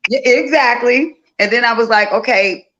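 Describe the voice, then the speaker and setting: On dull audio with background noise, a woman speaks at normal speed in a voice on the high side. She's a festival organizer in her 50s from Louisiana, United States, telling stories casually as an interview guest and repeating phrases for emphasis.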